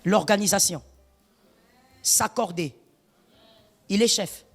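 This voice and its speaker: A woman pastor, preaching an emphatic sermon full of rhetorical questions, slipping in Lingala phrases and shouting at the high points. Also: takes it slowly, big-room sound.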